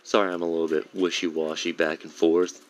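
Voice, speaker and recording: A man's voice: low voice, little pitch movement, a little fast, highs cut off. A man giving casual, rambling commentary while playing a game, often correcting himself mid-sentence. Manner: rambling, self-correcting explanations. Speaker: gameplay streamer.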